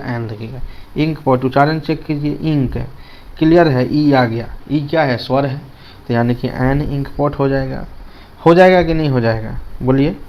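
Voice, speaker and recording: A man's voice: medium pitch, highs cut off. A man teaching a grammar lesson in Hindi with English terms, repeating key words and asking students rhetorical questions.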